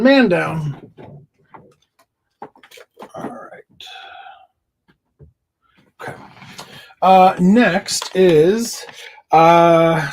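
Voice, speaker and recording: Man, fairly high pitch, casual haul vlog, enthusiastic, filler-heavy. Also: darkish tone, a little hiss or hum. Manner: chatty, many fillers, enthusiastic. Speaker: collector vlogger.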